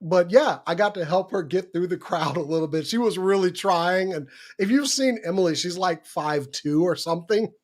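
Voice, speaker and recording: A man co-hosting a casual livestream, telling stories with an animated delivery. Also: high voice, normal speed, hardly any pauses. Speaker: co-host.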